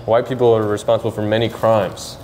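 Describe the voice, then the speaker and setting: A man's voice: fairly low pitch, level tone, brisk, dark tone, slight background noise. A young man co-hosting a casual food mukbang, teasing and bantering with his friend in a restaurant. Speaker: co-host. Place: restaurant in Toronto.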